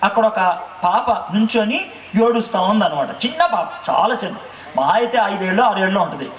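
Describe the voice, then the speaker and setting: A man's voice: high voice, lively intonation, moderate pace, reverberant, far from the mic, a little hiss or hum, rough recording. A man preaching a sermon at an evening revival meeting, asking the crowd rhetorical questions and telling a family story with laughter. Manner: asks the crowd rhetorical questions, keeps checking they understood.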